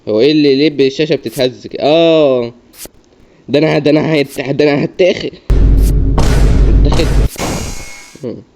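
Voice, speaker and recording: A man's voice: a little high, a little fast, long pauses, a little mellow, soft background music. A young man with an Egyptian Arabic accent, commentating his gameplay as he mutters repeated self-coaching. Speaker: gamer. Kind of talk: gaming commentary. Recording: dull lo-fi mic, faint noise.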